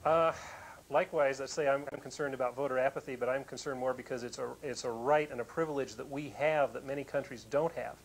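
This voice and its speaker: A man's voice: mid-range voice, steady tone, fast talker, slight background noise, low-quality recording. A man, a political challenger, answering a live remote news interview in an earnest, plain-spoken way. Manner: earnest, self-conscious laughs.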